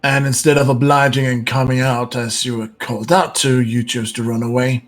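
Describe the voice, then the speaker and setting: A man's voice: medium pitch, little pitch movement, a little fast, soft background music, natural voice. A man voicing a sly, grinning male bandit captor who mocks and threatens his prisoner. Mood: menacing. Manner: mocking, menacing taunts.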